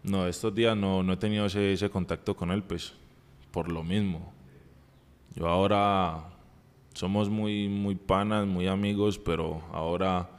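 Deep flat-voiced man. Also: clear, resonant tone, big-room sound. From Colombia. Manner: halting, many restarts and fillers. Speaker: football player. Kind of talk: press conference answers. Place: press room in front of a sponsor backdrop. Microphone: table mic.

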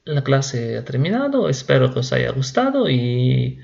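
A man teaching Spanish grammar slowly and deliberately, repeating each word. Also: medium pitch, sing-song, creaky, darkish tone, highs cut off. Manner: slow, deliberate, repeats words. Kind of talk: slow classroom explanation.

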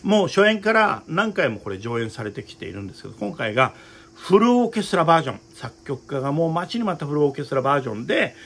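A man's voice: a little high, very animated, fast talker, a bit bright, husky. A man hosting his own talk show about opera, speaking in a rambling, earnest way with many fillers. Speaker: opera director and show host. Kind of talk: casual talk to viewers.

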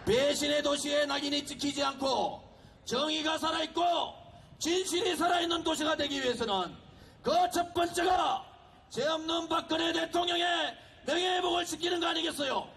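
Shouting to rouse the crowd, a man gives a fiery political speech at a street rally outdoors. He speaks at normal speed in a very high voice, and the audio carries a little hiss or hum.

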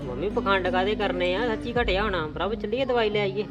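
A man's voice: high-pitched, fairly quick, dull audio, over music, crowd noise, natural voice. A man playing an easygoing farmer husband and son in a Punjabi village drama, placating his quarrelling family.

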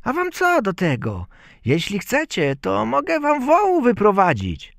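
A man voicing a tiny, cheeky peasant boy from a folk tale, talking in a shrill, pert voice. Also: wildly swooping pitch, measured pace, creaky, no room sound, clean studio sound, heavily acted. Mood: pert, eager.

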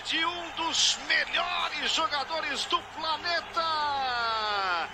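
Shouting Brazilian man, explosive high-pitched goal commentary. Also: over a noisy crowd. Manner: shouting, drawn-out excited calls. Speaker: football play-by-play commentator. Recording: noisy stadium broadcast audio.

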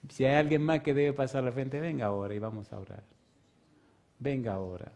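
A man preaching an evangelistic sermon and calling people forward, swinging between loud, fervent preaching and soft pleading. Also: mid-range voice, fast, vocal fry. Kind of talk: evangelistic sermon with altar call. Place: church stage.

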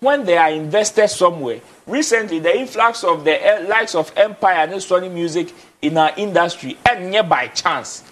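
A young man with a Ghanaian accent, guesting in an indoor TV studio, talks casually in a high, fairly bright, expressive voice at normal speed with few pauses. He code-switches between Twi and English, driving his points home with repeated words.

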